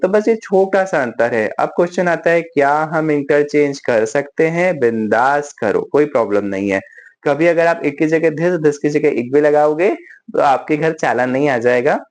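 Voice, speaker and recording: Male Indian English tutor, slightly higher voice, slow deliberate model sentences, frequent check-ins. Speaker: English vocabulary teacher. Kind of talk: casual spoken-English lesson in Hindi.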